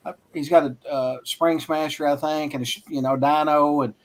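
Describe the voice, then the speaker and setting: Man, guest instructor, from Arkansas, a bit high pitched, rambling. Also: fairly even intonation, normal speed. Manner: rambling, frequent restarts. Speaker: guest, racing school instructor. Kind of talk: casual interview talk.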